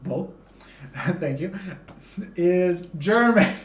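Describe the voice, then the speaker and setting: A man's voice: high voice, expressive, very slow. A man co-hosting a casual movie review chat, laughing often and stumbling over names as he talks. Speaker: podcast co-host. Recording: echoey room, faint background hiss.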